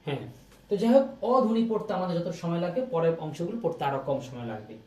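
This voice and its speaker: A young male teacher, giving a lively exam-prep lesson and repeating questions to his students. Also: fairly high pitch, very fast, distant mic. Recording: echoey room, off-mic.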